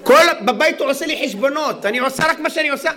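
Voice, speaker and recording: An indignant, fed-up wife complains in a high, bright voice, as a male preacher puts her on. She rants and protests in a string of grievances, in the middle of a spoken joke. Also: lively intonation, full character voice.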